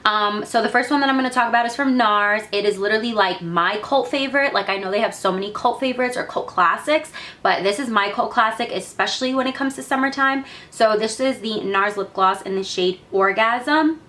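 A woman's voice: a little high, a little fast, hardly any pauses, pushed and bright. A young woman chats straight to camera about her favorite beauty products. She talks in a loose, gushing way, piling on fillers and calling her viewers "girl". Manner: chatty, filler-heavy, says "girl" and "like" a lot. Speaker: beauty vlogger. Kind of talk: casual monthly favorites vlog.

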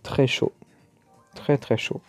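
A man's voice: takes it slowly, soft background music. A man giving casual, chatty commentary over his own gameplay, exclaiming and muttering to himself as he plays. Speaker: gaming YouTuber.

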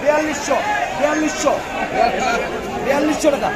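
A man's voice: very high-pitched, fairly even intonation, fast. A man working as an auctioneer, calling bids in an insistent, repetitive rhythmic chant. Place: busy outdoor wholesale fruit market. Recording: loud market crowd and street noise. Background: busy market crowd, vehicles.

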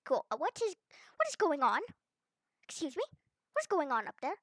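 A woman hosting a gameplay video, chatty and excitable, talking to herself as she explores. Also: sits high, normal speed, no echo. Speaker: gaming video host. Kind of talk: playful gameplay commentary.

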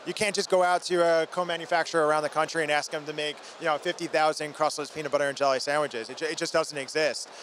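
This trade show interview features a founder in his thirties talking energetically and informally into a handheld microphone at a busy indoor booth. He is a fast talker with hardly any pauses, using a slightly high, fairly bright voice with fairly even intonation, and faint hall noise sits underneath.

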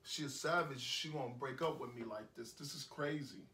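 A man's voice: mid-range voice, moderate pace, sharp tone, natural voice. An actor with a New York accent playing a heartbroken young man who rambles bitterly and repeats himself in an indie film monologue. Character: heartbroken young man ranting after breakup. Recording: echoey room, voice from a distance.

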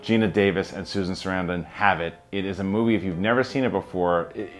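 A man's voice: low-pitched, fast talker, soft background music. A man in his thirties co-hosting a movie review show, talking in a friendly, upbeat host manner from a studio. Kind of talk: casual movie review banter. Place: indoor studio with poster backdrop.

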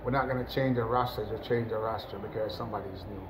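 A middle-aged man from Jamaica, a national team football coach, talking in a relaxed post-match interview over a webcam, full of "you know" fillers and restarts. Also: fairly low pitch, quick pace, background noise. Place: indoors, in front of a sponsor backdrop.

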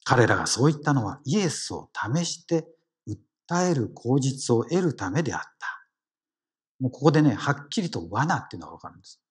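A man's voice: mid-range voice, very animated, brisk, slightly rough. A man with a Kansai accent giving a conversational sermon as a lay preacher, engaging the congregation with questions. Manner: engaging, asks the congregation questions, frequent "ne" tags.

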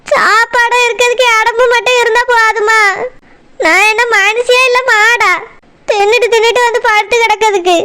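A woman's voice: extremely high pitch, steady tone, moderate pace, pushed and bright, slight background noise. A woman voicing a young wife who sobs and complains bitterly about her husband, in a Tirunelveli Tamil accent. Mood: sobbing. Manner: sobbing, resentful complaints.

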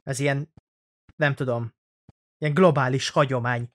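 A man's voice: mid-range voice, fairly even intonation. A young man hosting a let's play, giving jokey, sarcastic, rambling commentary on a horror game.

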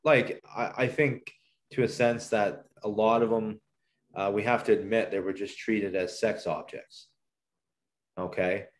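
A man's voice: lowish voice, fairly even intonation, unhurried. A man from southern Ontario, Canada, telling his personal testimony as a podcast guest in an earnest, reflective way.

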